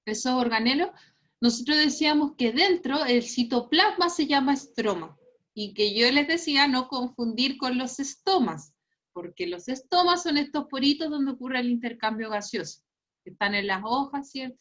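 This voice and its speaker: Chilean woman, science teacher, higher voice, unhurried, playful teasing delivery, dull online-class sound. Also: a bit bright. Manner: teasing, laughs often, explains patiently. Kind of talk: online class quiz review.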